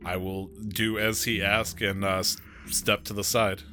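Joking lowish-voiced man at game table. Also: level tone, measured pace, sharp tone. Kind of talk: casual role-play chat. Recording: clear music behind the voice.

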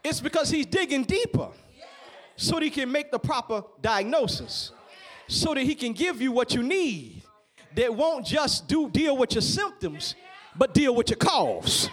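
A man preaching a sermon with repeated phrases and rhetorical questions, his delivery swinging between hushed and loud. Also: extremely high pitch, very animated, measured pace.

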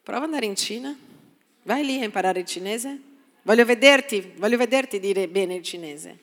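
A woman pastor delivering a sermon, calling "Amen?" to the congregation and moving from soft asides to loud, emphatic lines. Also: mid-range voice, animated, normal speed. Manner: preaching with call-and-response "Amen?" to the congregation. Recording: long reverb of a large hall.

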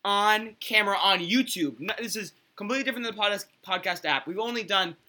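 A man's voice: sits high, quick pace, sharp tone. A young man hosting a podcast in casual chat, rambling with restarts and blunt teasing. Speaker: podcast host.

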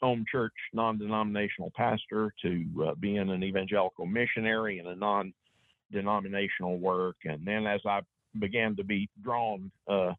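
A man from East Tennessee with an Appalachian accent, talking casually as an interview guest in a folksy, unhurried storytelling way. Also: on the low side, steady tone, no echo, narrow, tinny audio. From East Tennessee, USA. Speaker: guest author.

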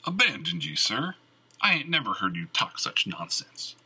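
A man voicing a gruff, loyal older squire with blunt country speech, in an audiobook. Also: lowish voice, sing-song, normal speed, bright, forceful tone, exaggerated voice, rough recording. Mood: earnest. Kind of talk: audiobook character reading.

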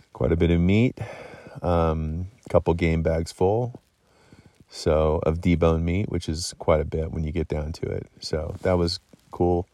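Tired deep-voiced man rambling by his tent. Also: vocal fry, no room sound. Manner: relaxed, rambling, many ums and restarts. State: tired, yawning. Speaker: hunter vlogger. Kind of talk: casual night camp vlog recap. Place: outdoors at a mountain camp by a tent at night.

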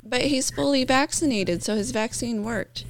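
A woman co-hosting a casual political chat, talking in an animated and often sarcastic way. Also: on the high side, moderate pace, vocal fry. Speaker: co-host.

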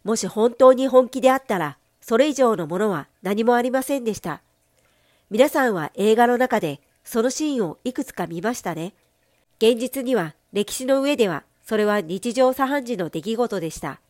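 A woman giving a steady, measured, formal reading of a translated sermon. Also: a little high, no echo, studio quality.

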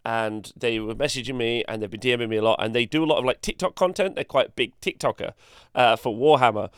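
A man's voice: medium pitch, fast, smooth, no echo, clean studio sound. A man co-hosting a casual tabletop gaming podcast, reading rules aloud and talking hesitantly with many fillers. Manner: hesitant, filler-heavy, laughs easily. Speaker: co-host.

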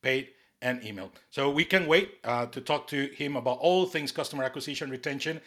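A man's voice: medium pitch, brisk, a bit bright. A man hosting a podcast, enthusiastic and rambling, with many fillers. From Costa Rica. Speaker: podcast host.

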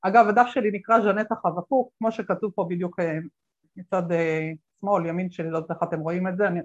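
A woman guest telling stories in an interview, animated, acting out the voices of people she quotes, with many fillers. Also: fairly low pitch, highs cut off. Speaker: guest speaker. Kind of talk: conversational interview storytelling.

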